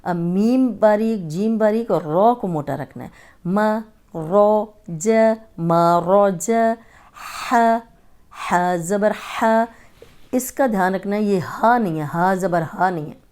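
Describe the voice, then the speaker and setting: A woman with a smooth, clear voice teaches Quran recitation at a very unhurried pace. She speaks, spelling out each letter and drilling syllables again and again with patience. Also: mid-range voice, darkish tone. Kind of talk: slow tajweed lesson with drilled letter sounds.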